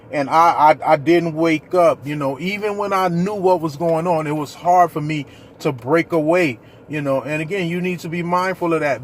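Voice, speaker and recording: A man speaks to camera in an earnest, preacherly way, sharing his own story with his viewers. His voice sits a little higher than most men's. A faint rumble of vehicles hums behind him. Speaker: ministry leader. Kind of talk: personal testimony vlog.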